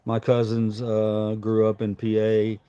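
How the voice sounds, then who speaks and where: A man's voice: lowish voice, completely flat delivery, unhurried, dark tone, smooth, muffled recording. A man chatting casually as a livestream host, talking around a dip of tobacco in his lip, rambling and informal with some swearing.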